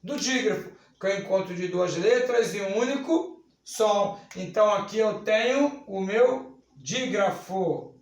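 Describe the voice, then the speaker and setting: A man's voice: high voice, animated, measured pace. A Brazilian man teaching Portuguese grammar at a whiteboard, stretching key words and checking in with the class. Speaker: Portuguese teacher for civil service exams. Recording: very echoey room.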